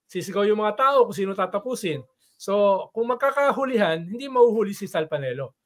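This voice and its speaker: A man's voice: sits high, lively intonation, fairly quick, fairly bright tone. An older man discussing politics in a casual talk show, explaining at length and tagging sentences with "no?".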